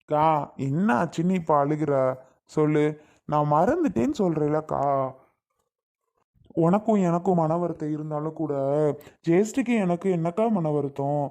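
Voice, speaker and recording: Brief: woman as a gentle younger brother, lowish mellow voice, coaxing tone. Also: animated, moderate pace, pauses often. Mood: soothing. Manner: coaxing, reassuring. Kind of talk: family skit acting.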